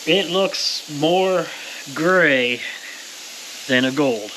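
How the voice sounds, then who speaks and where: The host of a powder coating workshop video speaks very slowly in a fairly high voice, addressing viewers informally and folksily in his casual to-camera shop vlog. Background noise is audible.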